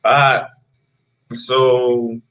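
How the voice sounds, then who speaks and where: Very slow and smooth, this mid-range male voice belongs to a Trinidadian rapper in his thirties. In a laid-back interview chat, he rambles about his musical beginnings, full of fillers and restarts.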